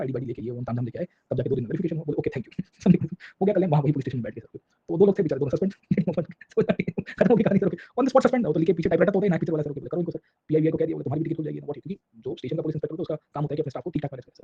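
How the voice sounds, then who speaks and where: A man speaks in a torrent, teaching history with woven through his talk. His voice is dark and husky, pitched slightly high for a man. He keeps checking in with his listeners, and the recording sounds dull and lo-fi. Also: dry recording. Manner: rapid, peppered with "sir, theek hai" and "getting your point" check-ins. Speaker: history lecturer. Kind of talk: classroom lecture mixing Hindi and English.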